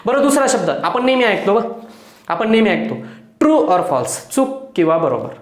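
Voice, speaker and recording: A male English teacher, explaining grammar to pupils in a lively classroom manner, repeating his points and asking the class questions. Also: sits high, normal speed, reverberant, soft background music. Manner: affectionately addresses pupils as children.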